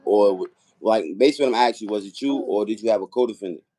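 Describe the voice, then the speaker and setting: A man hosting a podcast interview, asking halting questions full of fillers. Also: on the low side, mellow. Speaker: podcast host.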